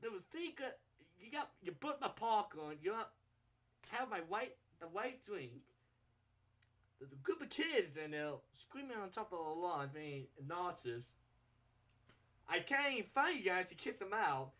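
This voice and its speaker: A man's voice: sits high, sing-song, a little slow, fairly bright tone. Rambling, swearing man telling a story. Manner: rambling, swearing, laughs between lines. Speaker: podcast co-host. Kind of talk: casual storytelling.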